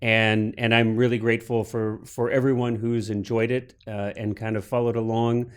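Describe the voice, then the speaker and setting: Casting: man in his late forties, podcast co-host, animated and rambling, average pitch. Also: normal speed, smooth. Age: 40s. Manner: animated, rambling with many restarts. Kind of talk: casual chat.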